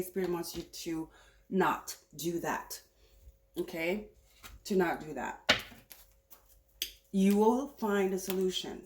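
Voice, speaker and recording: A woman talks through a tarot reading in a loose, chatty way, wandering between thoughts as she goes. Her voice sits at a medium pitch, and the recording has a noticeable roomy echo. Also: a little mellow. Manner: rambling, chatty, thinking aloud. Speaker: tarot reader. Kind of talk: casual spiritual reading.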